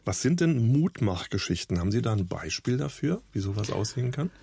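Brief: a calm male interviewer with a low, slightly husky voice. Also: brisk, no echo. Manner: calm, attentive questioning. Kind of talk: interview questions.

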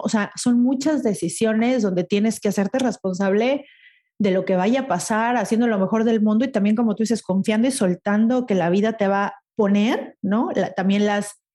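A woman's voice: mid-range voice, warm tone. A woman, a podcast host and therapist, talking in a reflective, affirming way with her guest. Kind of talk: casual interview talk.

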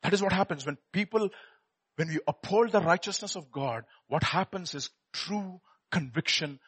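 A man's voice: high-pitched, normal speed, a bit bright, slightly rough. A man with an Indian accent preaching with personal testimony, emphatic and dramatic, repeating words and putting rhetorical questions to his listeners. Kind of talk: animated sermon with personal testimony.

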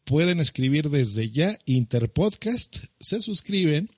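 A man's voice: a little high, big pitch swings, slow, breathy edge, dry recording, clean studio sound. A man co-hosting a podcast, explaining the event rules in casual chat with lots of fillers.

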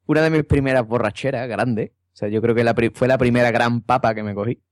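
A man's voice: mid-range voice, fairly even intonation, a little fast, no room sound, studio quality. A man, co-hosting a casual podcast and telling jokey anecdotes. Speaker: podcast co-host. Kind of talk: casual chat.

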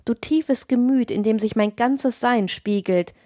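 A woman's voice: fairly high pitch, unhurried, warm tone, dry recording, clean studio sound, natural voice. A woman voicing a young male student who is feverishly in love, pleading ardently in a raised voice. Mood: rapturous.

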